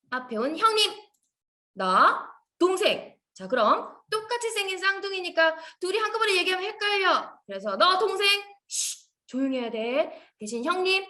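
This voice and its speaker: A woman teaching an English phonics lesson to young children in an animated, sing-song, encouraging way. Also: very high-pitched, normal speed.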